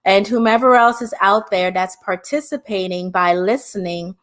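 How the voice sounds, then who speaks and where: Speaking at a moderate pace in a medium-pitched, slightly bright voice, a middle-aged hypnotherapist from Jamaica hosts a live-stream discussion. She is passionate and often turns to address the people watching.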